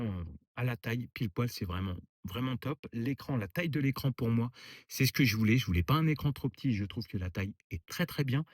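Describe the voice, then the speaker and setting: Man, casual reviewer, hesitant delivery, dry close sound, mid pitch. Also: dry recording. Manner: relaxed, hesitant with frequent filler pauses. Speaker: car accessory reviewer. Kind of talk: casual product demo and review.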